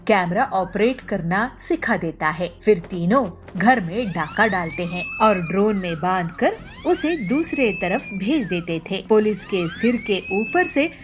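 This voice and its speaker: A woman narrating a children's cartoon story in an expressive storytelling manner. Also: mid-range voice, measured pace, hardly any pauses.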